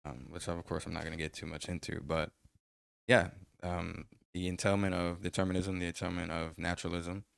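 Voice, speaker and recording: Deep raspy guy co-hosting, arguing philosophy, kinda dismissive, dry mic. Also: little pitch movement, a little fast, dry recording. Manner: dismissive, argumentative. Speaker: co-host. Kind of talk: casual debate commentary.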